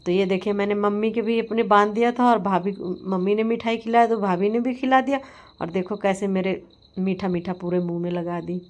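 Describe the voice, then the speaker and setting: A woman's voice: medium pitch, fairly even intonation, brisk, a little mellow. A middle-aged woman vlogger chatting casually over her family video, laughing as she tells the story.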